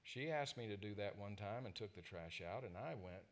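A man preaching a sermon, telling personal stories to his congregation and swinging between loud emphasis and quiet asides. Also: fairly low pitch, lively intonation, moderate pace. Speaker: pastor.

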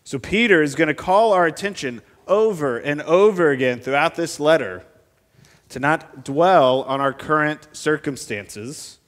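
A man preaching from a pulpit microphone in a church sanctuary, his voice sitting somewhat high for a man. He talks earnestly and steadily, working through the text and putting question after question to the congregation. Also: expressive, a little slow, fairly bright tone, long reverb tail. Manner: earnest, asks the congregation many rhetorical questions. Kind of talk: expository sermon.

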